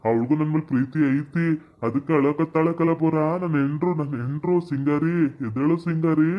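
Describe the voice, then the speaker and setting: A woman voicing a loud, weeping older village landlord, pleading over and over. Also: sits low, brisk, voice pushed down, close to an everyday voice. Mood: tearful pleading. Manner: wailing, repetitive pleading. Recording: dull lo-fi audio.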